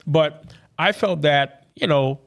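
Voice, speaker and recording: A man's voice: fairly high pitch, takes it slowly, creaky. Earnest councilman saying "right?". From Guyana, raised in Brooklyn. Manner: earnest, repeats "right?" often. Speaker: city council member guest. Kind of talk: casual interview talk.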